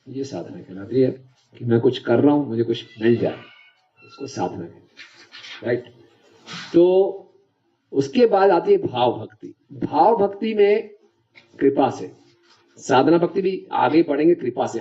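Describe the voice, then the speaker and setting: A man's voice: mid-range voice, lively intonation, a little slow, vocal fry, long pauses. A man giving a devotional lecture, chatty and often checking that the audience follows. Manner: conversational, checks understanding with the audience. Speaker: preacher. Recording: dull lo-fi lecture recording.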